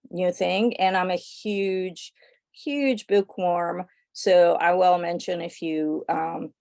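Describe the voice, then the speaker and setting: A woman with an Italian accent gives an eager, chatty talk on a video call. She speaks in a slightly low, gravelly voice with a few fillers. The sound is dry and close. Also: a little mellow, dry recording. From Italy. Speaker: guest speaker. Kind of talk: online presentation.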